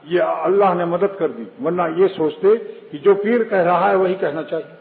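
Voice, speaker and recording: A man giving a religious sermon, explaining his points and telling anecdotes. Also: sits high. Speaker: preacher. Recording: phone-like with long hall reverb.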